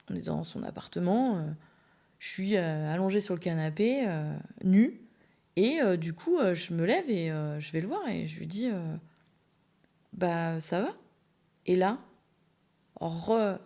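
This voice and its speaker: A woman's voice: fairly low pitch, creaky, dark tone. A young adult woman hosting a podcast, telling a personal story in a chatty, candid, slangy way with many fillers. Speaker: podcast host. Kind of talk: casual storytelling.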